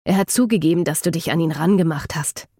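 A woman voicing a young man who coldly accuses his girlfriend in a flat, muttered tone. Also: deep voice, fast talker, no echo, clean studio sound.

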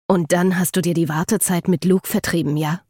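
A woman's voice: fairly low pitch, steady tone, a little fast, dark tone, no room sound, clean studio sound, natural voice. Woman reading as a cold accusing young man.

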